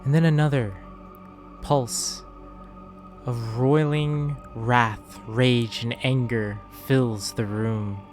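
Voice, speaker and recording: A man narrating a tabletop game as game master, with deliberate, dramatic phrasing. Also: medium pitch, steady tone, faint music behind.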